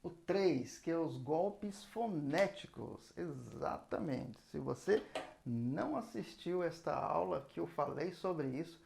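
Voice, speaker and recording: A man's voice: a little high, expressive, takes it slowly, gravelly, darkish tone, a little hiss or hum. A man teaching a casual saxophone lesson, explaining patiently and singing out rhythm syllables as he goes. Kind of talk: casual spoken music lesson.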